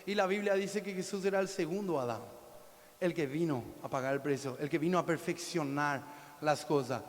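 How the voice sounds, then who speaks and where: A male pastor preaching a sermon, swinging between sudden shouts and quiet, intimate drops. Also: on the high side, moderate pace, long reverb tail. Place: church hall.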